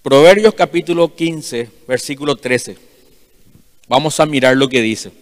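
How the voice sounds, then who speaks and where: Male pastor, forceful sermon delivery with sharp swings in volume, reverberant hall. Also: medium pitch, a little slow. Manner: loud, emphatic preaching with sudden swells and drops.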